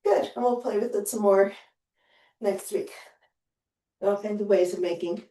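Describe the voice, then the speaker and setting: A woman's voice: medium pitch, measured pace, mellow, far from the mic. A woman leading a strength workout, counting reps aloud and reassuring people to go at their own pace, often sighing between sets. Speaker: fitness instructor. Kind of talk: live workout coaching. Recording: roomy sound from away from the mic.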